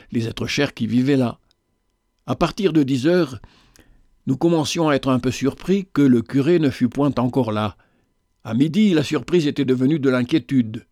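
A man reading a historical story aloud, steady and measured, at a middle pitch. The recording is dry and close, with no room sound. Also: dry recording. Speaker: narrator.

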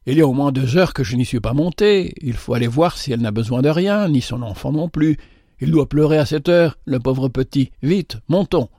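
A man's voice: medium pitch, normal speed, dark tone, no room sound, studio quality, close to an everyday voice. A man voicing a poor, kindly widow and mother of three, speaking in a heartfelt, exclamatory way. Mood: hurried.

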